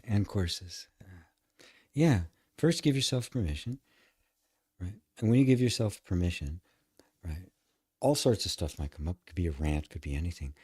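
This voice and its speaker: A low, husky male voice teaching emotional tapping live, with lively swings of pitch. He talks frankly, swears now and then, and acts out inner voices. The sound is dry and close. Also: no echo.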